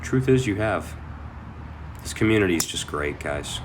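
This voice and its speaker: A young adult golf vlogger talks to his viewers while playing golf outdoors, rambling casually in vlog-style commentary. His low voice has lively intonation at a moderate pace, with outdoor noise in the background.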